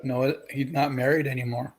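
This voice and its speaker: A male podcast co-host chats casually at normal speed in a mid-range voice with little pitch movement. He keeps contradicting his partner and fact-checking what the other speaker says.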